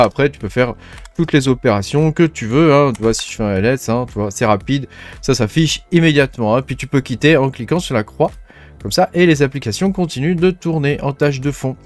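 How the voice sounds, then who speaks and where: A man hosting a casual screen-share tech tutorial, talking informally to the viewer with many fillers. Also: mid-range voice. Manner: chatty, informal, frequent "hein" and "tu vois" fillers.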